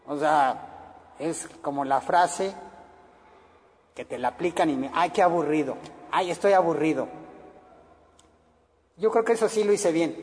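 A middle-aged man with a Mexican accent preaches earnestly to parents, his fairly high, slightly mellow voice trailing off into long reverb. His sermon is full of fillers.

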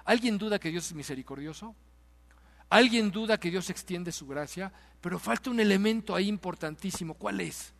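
High-pitched man preaching, emphatic, keeps repeating questions to the crowd, church hall with long reverb. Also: normal speed, creaky. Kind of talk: sermon.

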